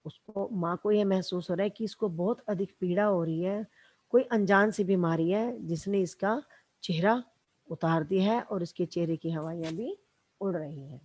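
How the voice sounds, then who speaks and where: Slow, patient woman teacher. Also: medium pitch, darkish tone, no room sound. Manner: reads a line aloud, then explains it simply. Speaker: school teacher. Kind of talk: reading and explaining a Hindi lesson to children.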